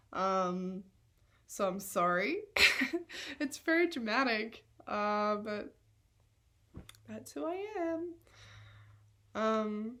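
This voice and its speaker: A woman's voice: medium pitch, a bit bright. A young woman rambling in a tearful confessional vlog, swearing often and laughing at herself through tears.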